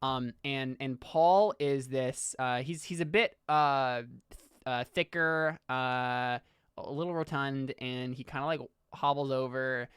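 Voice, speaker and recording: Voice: mid-range voice, fairly even intonation, takes it slowly, fairly bright tone, clean tone, no echo, clean studio sound. A player narrating a tabletop role-playing scene, hesitant and full of fillers. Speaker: game player.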